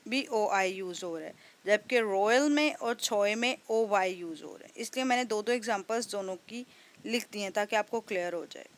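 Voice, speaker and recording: A young woman teaches phonics, her voice sitting a little high. She sounds each word out slowly, letter by letter, then says it whole, in a patient classroom way. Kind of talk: phonics lesson.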